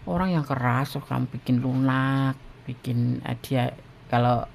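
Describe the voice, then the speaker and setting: Man, gravelly voice, blunt and frank, casual advice monologue, tarot reader. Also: mid-range voice, steady tone, unhurried, a little hiss or hum.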